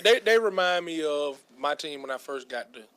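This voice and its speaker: A man, a high school football coach, talking sports in a relaxed conversational way on a talk show. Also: normal speed, smooth. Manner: relaxed, conversational, frequent "you know". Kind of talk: casual sports chat.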